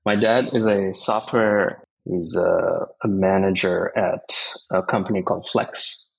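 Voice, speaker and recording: A man from India, a tech company co-founder, answering interview questions in a measured, explanatory way. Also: sits low, fairly even intonation, vocal fry, poor audio.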